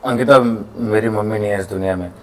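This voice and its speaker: A young man acting in a scripted skit, speaking in a calming, pleading way. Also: lowish voice, soft background music. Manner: calming, pleading, talks fast. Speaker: actor in a short drama.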